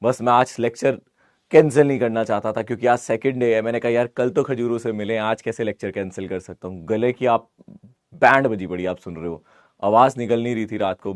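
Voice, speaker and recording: A man with a hoarse, sore voice, chatting casually as a live online physics teacher. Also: lowish voice, a little fast, no echo, studio quality. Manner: chatty, repeats greetings, mixes English into Hindi. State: hoarse, sore throat from fever. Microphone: close mic, amplified.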